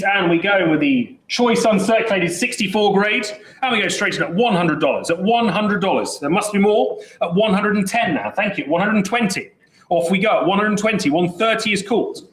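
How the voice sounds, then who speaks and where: A man working as an auctioneer, calling bids at a brisk pace with chatty, joking patter. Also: high-pitched, a bit bright, echoey room, rough recording. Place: auction saleroom.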